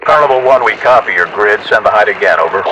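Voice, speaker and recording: A man's voice: on the low side, quick pace. A man playing a male base radio controller who gives orders in clipped radio procedure, heard over a military radio. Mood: brisk. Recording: distant noisy radio transmission.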